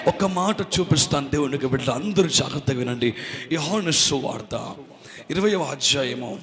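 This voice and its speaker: Fervent high-voiced male preacher. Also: lively intonation, moderate pace, in a large hall, crowd noise. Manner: fervent preacher, calls for amens, rising to shouts. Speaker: pastor. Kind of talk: Telugu sermon.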